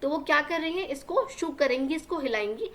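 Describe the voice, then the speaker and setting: A young woman teaching an English lesson to young children. She reads the English lines slowly, explains them in Hindi, and repeats words with little check-ins. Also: high-pitched, lively intonation, a bit bright.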